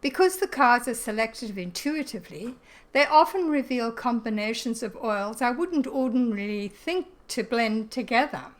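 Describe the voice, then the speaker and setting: A woman's voice: fairly high pitch, lively intonation, normal speed. Woman narrating a sincere scripted intro. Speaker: channel host.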